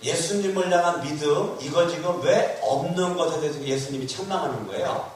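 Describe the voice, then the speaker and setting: A man's voice: on the high side, a little fast, slight background noise. Preaching man in an echoey hall. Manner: call-and-response preaching, rhetorical questions, emphatic repetition. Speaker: pastor. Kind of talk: sermon. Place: church hall. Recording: echoey hall recorded from a distance.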